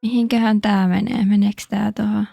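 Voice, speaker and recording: A woman streamer chats playfully through her game, joking to herself and her viewers. Her voice is mellow and relaxed at a middle pitch. It is recorded dry and close. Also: gravelly, dry recording. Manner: playful, jokey, chatty. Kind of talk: casual game commentary.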